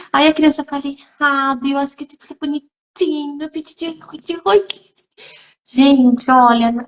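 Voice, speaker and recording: A woman, a literacy teacher who is also a mother, talking emphatically to viewers in a live stream, full of fillers and direct appeals. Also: on the high side. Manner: emphatic, addresses audience directly, many fillers.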